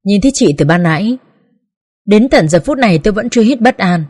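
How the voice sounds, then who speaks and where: A woman narrating a first-person family drama in a soft, melancholy way. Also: mid-range voice, animated, a little fast, breathy edge, long reverb tail. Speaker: audiobook narrator.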